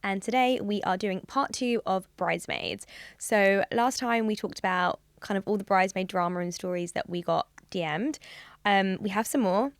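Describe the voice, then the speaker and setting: A young woman co-hosting a wedding podcast, loud and expressive as she chats and reads listener stories aloud. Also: medium pitch, normal speed, smooth, dry recording, studio quality. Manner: loud and expressive, laughs often. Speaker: podcast co-host. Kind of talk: casual podcast chat and reading out stories.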